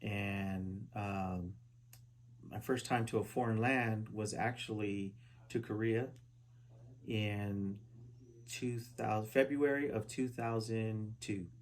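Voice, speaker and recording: A man in his forties from Southern California, a veteran answering oral history questions at a relative's house, halting with many fillers and restarts. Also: fairly low pitch, steady tone. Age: 40s. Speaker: interviewee, Army veteran. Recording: poor quality home recording.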